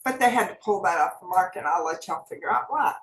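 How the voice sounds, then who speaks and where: A woman's voice: fairly low pitch, lively intonation, quick pace, a bit bright, echoey room, slight background noise, rough recording. A woman, co-hosting and talking straight to her viewers in a chatty, folksy way. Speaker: co-host sharing wellness tips. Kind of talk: casual chat.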